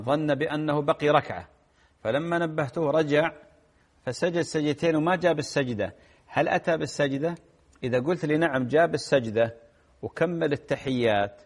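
Callers bring religious questions to a radio show, and a husky-voiced man answers them. He speaks at a normal male pitch and a leisurely pace, patiently explaining and elongating the words of his examples, sounding like a cleric sorting out ordinary issues.

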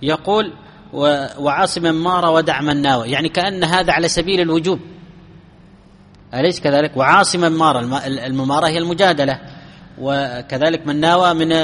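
A man giving a classical Arabic grammar lesson, explaining rules step by step, asking his students questions and chanting verses slowly. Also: fairly high pitch, fairly bright tone, a little hiss or hum. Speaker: grammar teacher. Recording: long hall reverb.

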